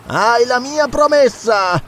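A man voicing a fierce, ruthless buccaneer captain in an audiobook, snarling and shouting threats. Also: very high-pitched, expressive, slow, slight background noise, pitched above the performer's own voice, full character voice. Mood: angry. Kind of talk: audiobook character reading.

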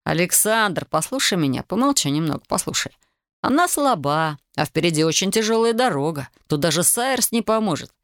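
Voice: medium pitch, sing-song, brisk, a bit bright, dry recording, clean studio sound. A reader voicing a scheming, wounded male soldier who urges and presses in an audiobook. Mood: urgent. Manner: insistent, urgent persuading. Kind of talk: audiobook character voice.

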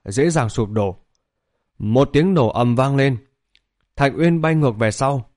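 A man reading a fantasy novel aloud as an audiobook narrator, in a steady, even pace. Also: mid-range voice. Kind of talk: scripted story narration.

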